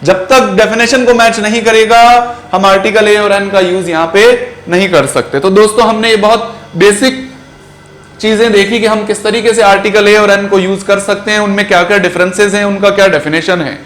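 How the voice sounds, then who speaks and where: A man with an Indian English accent teaching an exam-prep grammar lesson in a classroom, drawing out words slowly as he drills pronunciation. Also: high voice, steady tone, fairly bright tone. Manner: slow, stretched-out pronunciation drills. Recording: echoey room.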